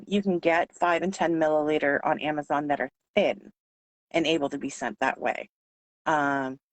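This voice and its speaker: A woman whose voice is hoarse and giving out, talking informally as a trainer explaining sales tips. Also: low-pitched, dry recording, rough recording. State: losing her voice, hoarse. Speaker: sales trainer for direct-selling consultants.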